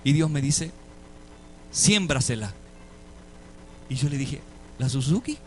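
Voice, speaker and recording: A man's voice: on the high side, slow pace, a little mellow, soft background music. A Puerto Rican man preaching a sermon, telling a story and acting out the dialogue with dramatic shifts between voices. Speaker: pastor. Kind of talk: sermon testimony.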